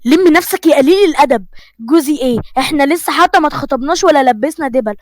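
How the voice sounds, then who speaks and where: Woman doing a snappy young egyptian bride, high voice, scolds a lot, dry sound. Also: lively intonation, quick pace, no room sound. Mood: flustered. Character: fiery young bride-to-be, shy but proud.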